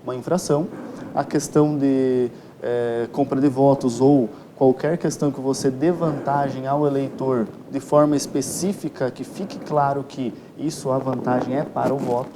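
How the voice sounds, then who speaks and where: With a steady tone at medium pitch and normal speed, a Brazilian electoral lawyer answers as an expert interview guest. His Brazilian Portuguese–accented replies are formal, explanatory and legalistically precise, over clear ambient background noise.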